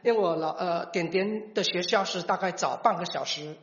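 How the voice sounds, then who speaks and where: A middle-aged man gives a personal testimony as a father, halting and restarting words as he tells the story. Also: sits high, a bit bright. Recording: echoey hall, dull lo-fi sound.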